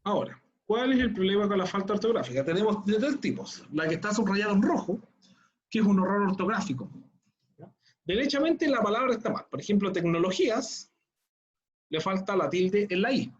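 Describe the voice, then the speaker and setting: A man's voice: high-pitched, lively intonation, fairly quick, highs cut off. A man teaching an online class. He explains things patiently step by step and often checks in with "¿ya?".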